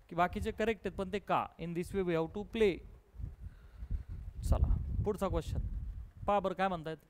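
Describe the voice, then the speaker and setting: A man with a Marathi accent teaching a maths class live, coaxing and prodding his students to answer quickly. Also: high-pitched.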